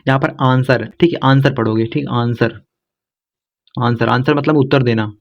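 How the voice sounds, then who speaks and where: A man gives a vocabulary lesson at a middle pitch, repeating each word and checking in again and again. The recording is a bit dull and lo-fi. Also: fairly even intonation, brisk. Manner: repetitive, keeps saying "thik hai". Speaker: English teacher. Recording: slightly dull lo-fi sound.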